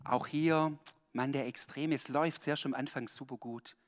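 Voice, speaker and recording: A pastor giving a colloquial sermon, swinging between loud emphatic bursts and hushed asides, speaking directly to his listeners. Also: mid-range voice, fairly even intonation, moderate pace, long reverb tail.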